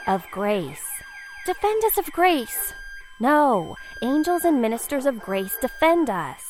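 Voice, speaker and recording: A man voicing anxious teenage girls in a spooky storybook, raising his voice high and sounding worried. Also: sing-song, slow, a little hiss or hum, exaggerated voice.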